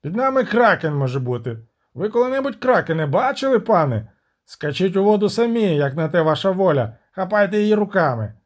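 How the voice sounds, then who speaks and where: A man's voice: high-pitched, big pitch swings, brisk, voice pushed up. A man voicing a coarse ship captain who talks back in a brash, mocking way. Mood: defiant.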